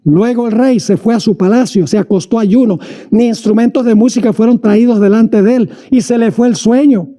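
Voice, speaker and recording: High, bright-voiced male pastor preaching. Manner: slows and stretches words when reading quoted lines aloud. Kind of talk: sermon reading scripture.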